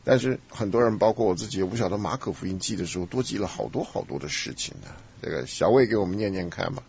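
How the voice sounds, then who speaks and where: A man hosting a casual Bible study discussion, teasing and conversational like a lively teacher. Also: fairly low pitch, fast, vocal fry, slightly rough. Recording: dull lo-fi recording.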